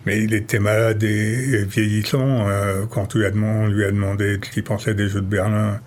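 Man, fairly low voice, radio guest, storytelling, restarts. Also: level tone, normal speed, darkish tone, a little hiss or hum. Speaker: guest speaker on history. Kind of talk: casual radio conversation.

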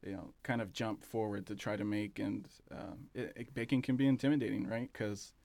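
A man talking as an interview guest about his café, relaxed and rambling, with plenty of fillers and restarts. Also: on the low side, brisk, creaky. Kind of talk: casual interview chat.

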